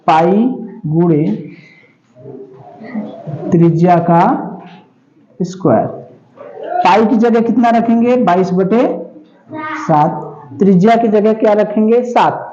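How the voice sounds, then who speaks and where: A man's voice: sits high, darkish tone, muffled recording. A male teacher giving a math lesson, repeating each step and asking questions that he answers himself. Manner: repetitive, asks questions and answers them himself; slow, drawn-out step-by-step explaining.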